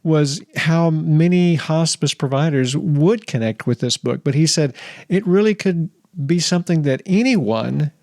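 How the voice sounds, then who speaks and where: A man hosting a podcast in a conversational style, explaining things in full, measured sentences. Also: a little high, a little mellow, no echo, studio quality. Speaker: podcast host.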